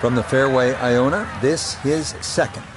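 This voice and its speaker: A man doing golf commentary as lead announcer, with a measured sportscaster delivery. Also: mid-range voice, background noise, close to an everyday voice.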